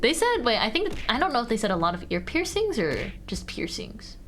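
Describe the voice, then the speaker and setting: A woman VTuber chats easygoingly with her viewers while drawing on a casual livestream, faint music playing behind her. Her voice is a little high, bright, sing-song, and fairly quick, and she talks directly to chat.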